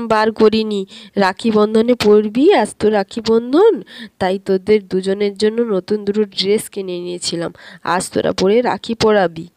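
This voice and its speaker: A woman's voice: medium pitch, darkish tone, dry recording, lightly acted. A woman voicing a mother doll who fusses over and scolds her two daughters in a doll story.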